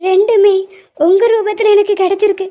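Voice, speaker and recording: A tearful young cartoon wife. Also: female voice, very high-pitched, level tone, brisk. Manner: emotional, pleading speech. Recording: slightly dull lo-fi audio.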